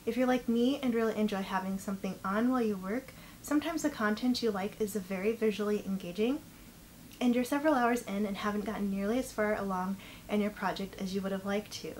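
Young woman, medium pitch, casual hobby vlogger, gum-chewing slightly mushy speech, indoor room with background noise. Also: brisk, darkish tone, low-quality recording. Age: young adult. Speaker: knitting vlogger and host. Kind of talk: casual chat to camera. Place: indoor living room, seated by a couch.

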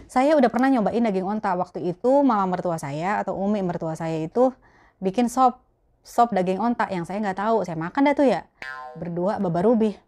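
Through a clip-on lapel mic, a young Jakarta woman with a Betawi accent fields viewer questions in a relaxed, colloquial chat to camera. Her medium-pitched voice is mellow and expressive, with a moderate pace.

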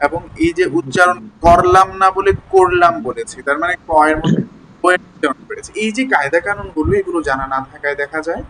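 Guy teaching an online class, fairly high bright voice, keeps asking "ok?", faint noise behind. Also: rough recording. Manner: explains slowly, checks in with "ঠিক আছে?"; spells out sounds syllable by syllable.

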